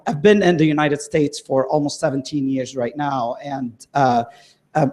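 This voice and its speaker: A man's voice: mid-range voice, a little mellow. A man giving a conference closing talk, with many ums and uhs. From Lebanon. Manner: hesitant, frequent ums and uhs. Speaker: conference speaker.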